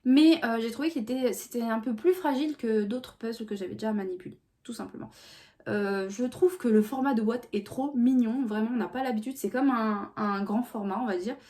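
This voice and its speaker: A woman's voice: fairly high pitch, fairly quick, dark tone. A woman talking casually in a vlog, chatty and rambling, with many fillers and restarts. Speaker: vlogger.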